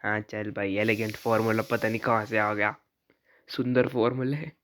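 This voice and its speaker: A man's voice: lowish voice, fairly even intonation, moderate pace, a bit bright. Chatty young man teasing game characters. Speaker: gaming YouTuber. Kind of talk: casual let's-play commentary.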